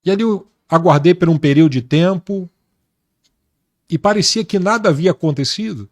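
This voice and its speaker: A male pastor giving his personal testimony in an interview, speaking earnestly and slowly with emphatic repetition. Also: sits high. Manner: earnest, slow and emphatic, repeating words for weight.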